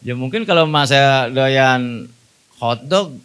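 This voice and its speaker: A man's voice: mid-range voice, slow, a bit bright, smooth. A man with a Betawi accent preaching a humorous sermon at a mosque gathering, mixing jokes with Quran verses and constantly asking the audience questions. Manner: jokey, colloquial, asks the audience questions.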